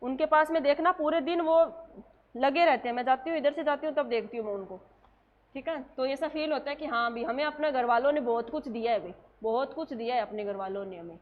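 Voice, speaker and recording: A woman's voice: high voice, brisk, phone-quality sound. A woman teaching a nursing class in a lecture style, asking questions and answering them herself.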